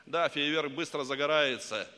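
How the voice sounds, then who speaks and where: A middle-aged man preaching an emotional sermon, telling stories earnestly and rising to loud, fervent pleas. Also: on the high side, moderate pace, in a large hall. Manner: earnest storytelling, swelling to loud fervent pleading.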